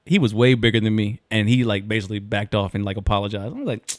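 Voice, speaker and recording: A man's voice: lowish voice, fairly even intonation, no room sound. Young man joking in a dry studio. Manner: loose, joking, slangy, does quick impressions. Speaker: podcast co-host. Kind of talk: casual chat.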